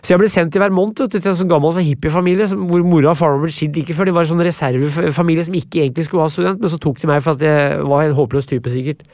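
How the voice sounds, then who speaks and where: A man's voice: on the high side, few pauses, darkish tone, dry recording, studio quality. Rambling man from Norway. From Brumunddal, Norway. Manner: rambling, repeats words, blunt and salty. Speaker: podcast guest, author. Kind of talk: casual storytelling in interview.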